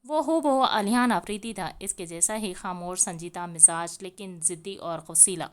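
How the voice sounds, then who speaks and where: A woman narrating a romance novel as an audiobook. Her reading is steady and expressive, carrying the story along evenly. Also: fairly low pitch.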